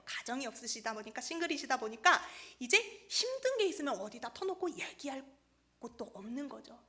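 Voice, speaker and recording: High-voiced woman preaching a sermon. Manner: storytelling, quotes people in lively voices. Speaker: evangelist preaching. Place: church.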